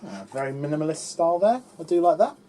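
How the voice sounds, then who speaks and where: Man, casual unboxing commentary, chatty, mellow dark tone, faint background noise. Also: a little high, lively intonation, quick pace. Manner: chatty, talks to the camera and the objects he handles. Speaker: unboxing vlogger.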